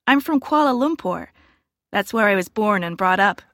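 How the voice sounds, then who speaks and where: An actress playing a young woman in her twenties who is signing up for a club, speaking clearly in a scripted listening dialogue. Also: mid-range voice, expressive, moderate pace, fairly bright tone, no echo, studio quality. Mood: friendly. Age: 20s. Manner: clear, careful, spells out words. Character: young woman applicant, friendly and polite. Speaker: applicant joining a social club. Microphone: close studio mic.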